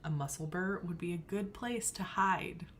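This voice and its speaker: A woman's voice: lowish voice, moderate pace, slight background noise. A young woman hosting a knitting livestream, telling a family story in a casual, giggly way with lots of filler words.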